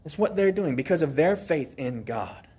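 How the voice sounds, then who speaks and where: A man preaching a sermon, reading scripture aloud with emphasis and speaking in an animated way. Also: a little high, normal speed, breathy edge.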